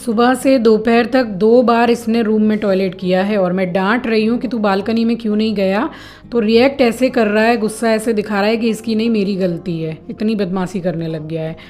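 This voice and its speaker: A woman's voice: steady tone, moderate pace, soft background music. A middle-aged woman chatting casually through a home vlog, talking about her meals and chores. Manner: chatty, scolds her pet dog in a high sharp voice. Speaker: vlogger, homemaker.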